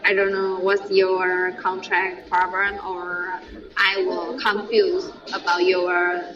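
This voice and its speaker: A woman's voice: lowish voice, little pitch movement, slow, background noise. A woman who is a Mandarin speaker chats casually as a student, hesitating as she searches for words. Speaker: English student. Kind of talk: casual bilingual chat. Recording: dull, distant microphone, crowd chatter.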